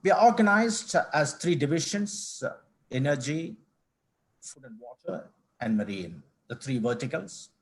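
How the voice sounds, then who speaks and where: A company managing director from Kerala, India, middle-aged, is a guest on an online panel interview conducted over video call. His voice is medium in pitch and animated, while his manner stays measured and formal, broken by frequent restarts.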